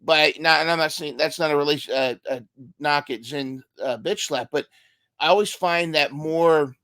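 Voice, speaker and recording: A man's voice: fairly high pitch, normal speed, a bit bright, dry recording, studio quality. A man hosting a casual podcast interview, thinking aloud and often repeating and restarting his words. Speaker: podcast host.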